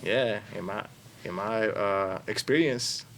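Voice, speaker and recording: A man hosts a relaxed podcast chat in a low voice. He gropes for words, restarting often and padding his questions with fillers. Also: slow pace, a little hiss or hum. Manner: hesitant, many fillers and restarts. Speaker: podcast host. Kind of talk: casual interview chat.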